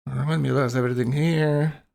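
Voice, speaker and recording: A man casually commentating a game tournament on a live stream in a loose, halting, rambling way, his speech slightly awkward from a numb mouth. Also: mid-range voice, steady tone, gravelly, a little mellow.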